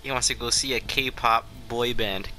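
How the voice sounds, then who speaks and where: A man's voice: medium pitch, steady tone, normal speed, sharp tone, a little hiss or hum, poor audio. A man joking around and asking questions in a game's voice chat. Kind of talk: casual gaming banter.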